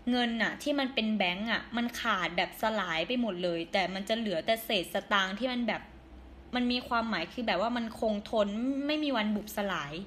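A hoarse young woman chatting casually on a live stream, giggling and reading viewer comments aloud. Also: a little high, a little fast, fairly bright tone, a little hiss or hum.

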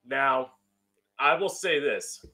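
A man hosts a solo, opinionated monologue to camera in a campy drag queen style, taking it slowly in a mid-range voice that's bright and forceful. He's indoors in a small home room, close to a studio mic on a boom arm with a pop filter.

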